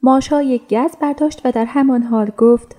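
A woman narrating a radio drama calmly and evenly. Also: high-pitched. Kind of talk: scripted narration.

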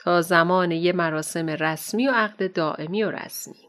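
An actress playing a kindly, motherly woman doctor who counsels young women, speaking gently and affectionately in a radio drama. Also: lowish voice. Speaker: counselor at an Islamic center.

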